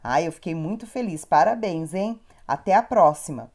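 A woman teaching a recorded lesson to young children, sounding out words slowly syllable by syllable and praising them. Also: fairly low pitch, lively intonation. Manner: slow syllable-by-syllable enunciation, encouraging. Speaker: primary school teacher.

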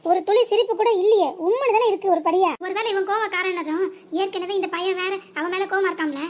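A woman's voice: extremely high pitch, quick pace. A woman voicing a bossy, nosy elderly mother-in-law in a cartoon, with a scolding, teasing manner. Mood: gossipy. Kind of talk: animated cartoon voice acting.

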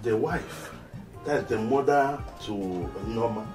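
A man's voice: medium pitch, fairly even intonation, takes it slowly, over music, natural voice. An actor with a Nigerian accent playing a lovesick young man who pleads and frets in a Nollywood film. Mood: fretful. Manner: pleading and fretful. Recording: echoey room, distant from mic.

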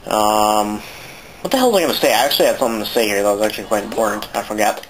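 A man's voice: fairly low pitch, very fast, a crowd in the background, rough recording. A man with a sore throat giving rambling, casual commentary while playing a video game, swearing often. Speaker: let's play commentator.

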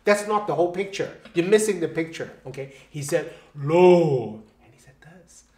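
A man's voice: a little high, expressive, moderate pace, a little mellow. A man teaching a one-on-one piano lesson, patient, checking in with "okay?" and counting beats aloud. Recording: roomy echo with faint piano.

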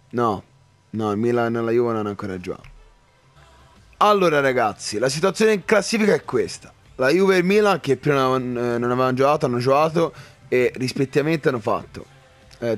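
A man commentating his own football game, excitable, shouting at chances and swearing at misses. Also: medium pitch. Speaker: gaming YouTuber.

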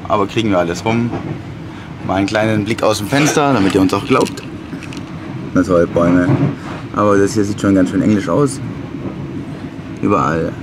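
A fitness vlogger and bodybuilding competitor talks casually to camera in a low voice at a moderate pace, leaving long pauses. He's on the move through trains, taxis, streets, hotels and gyms, filming with a camera held at arm's length. The handheld recording is noisy, with loud ambient sound.

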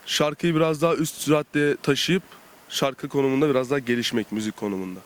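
A man's voice: mid-range voice, steady tone, fast. A man chatting casually as he answers questions in a street interview. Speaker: street singer being interviewed.

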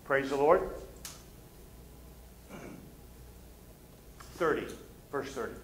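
Standing behind the pulpit on a church stage, a middle-aged Midwestern man gives a conversational sermon and checks whether the congregation agrees. He has a mid-range, expressive voice and draws out his words. The sound echoes around the sanctuary, with a little hiss or hum.

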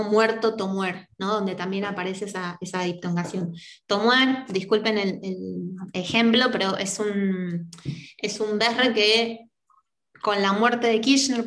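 Argentine woman teacher lecturing in an echoey room. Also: mid-range voice. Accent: Argentine Spanish. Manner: explanatory, checks in with frequent "¿sí?". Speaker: university teacher. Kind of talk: online lecture.

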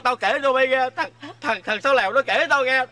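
A man's voice: extremely high pitch, fast talker, recorded from a distance. A man playing a stuttering, boastful city gambler in a stage comedy sketch, repeating syllables constantly. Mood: stammering.

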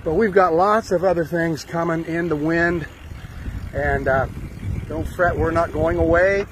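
An older man, a musician who vlogs, gives a casual, upbeat update full of fillers while riding his bike down a sunny street, holding his phone camera close. His voice is fairly high, steady, and unhurried. The recording is low quality, with faint wind noise in the background.

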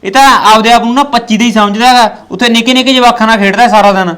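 A man's voice: very high voice, fairly even intonation, fast, fairly bright tone, clean tone. A man with a Punjabi accent acting in a village family drama, reassuring his mother in an earnest way. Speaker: son talking to his mother.

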